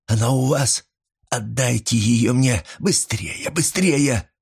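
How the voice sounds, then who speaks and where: A man's voice: slow pace, creaky, darkish tone, husky, full character voice. Man putting on a frantic old pawnbroker. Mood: pleading. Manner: breathless, pleading, rising into shrill panic.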